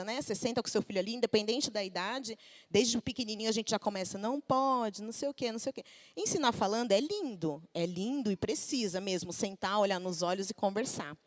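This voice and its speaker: A Brazilian woman in her thirties preaching a sermon at a church service, talking conversationally with the congregation and acting out everyday quotes. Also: mid-range voice. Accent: Brazilian Portuguese.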